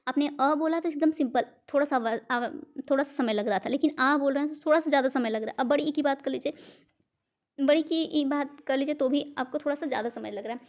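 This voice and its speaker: A woman with an Indian accent teaches an exam-prep grammar lesson in a fairly high voice. She lays out each point step by step, poses questions and answers them herself. She slips English words into her explanations. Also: fast talker, a little mellow.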